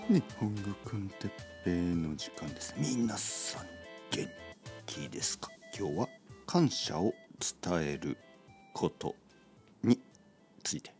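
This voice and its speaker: A man's voice: deep voice, big pitch swings, takes it slowly, pauses often, darkish tone, faint music behind. A man hosting his own podcast in a casual, rambling way, with many fillers and playful self-mockery. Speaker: podcast host. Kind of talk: casual solo podcast talk.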